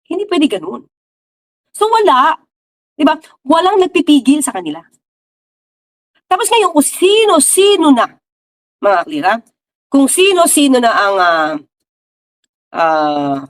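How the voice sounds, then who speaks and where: High-voiced woman doing political commentary. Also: very animated, slow pace, pauses often. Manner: rhetorical questions, addresses viewers directly; mixes English into her talk.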